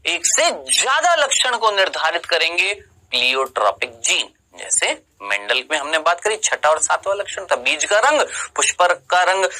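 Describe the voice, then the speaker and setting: A male biology teacher lecturing his students, with a bright, ringing voice whose pitch leaps up and down. He fires questions at the class and answers them himself. He repeats key terms and sometimes drops the answer to a whisper.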